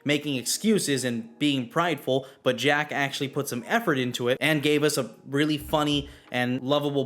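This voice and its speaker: A man's voice: a little high, a bit bright. A man giving a spoken movie review, blunt and opinionated in his criticism. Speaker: film reviewer.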